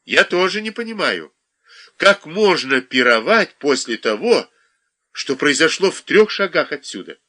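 A man reading aloud, voicing an angry young woman who makes sharp accusations. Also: a little high, very animated, unhurried, voice pushed up, full character voice. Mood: accusing.

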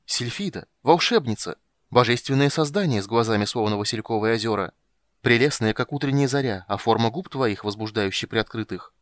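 A man's voice: mid-range voice, sing-song, a little fast, fairly bright tone, no room sound, studio quality. A man voicing a boastful, flamboyant male bard in an audiobook, teasing and exclamatory. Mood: showy. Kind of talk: audiobook character voice.

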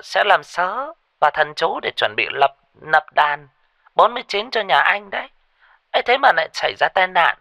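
A man voicing a frantic shrill sorcerer's wife. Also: gravelly, pushed and bright, no room sound, heavily acted. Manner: urgent, high-pitched warning. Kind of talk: ghost story narration.

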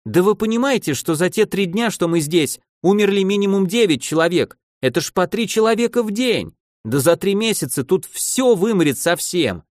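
Brief: male narrator plays a gleeful, bellowing old archmage with the temper of a child, pitched high, dry studio storybook read. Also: expressive, normal speed, no room sound. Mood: indignant.

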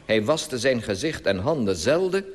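A man's voice: medium pitch, big pitch swings, moderate pace, in a large hall, slight background noise. A man delivering a dry, mocking satirical monologue for old radio.

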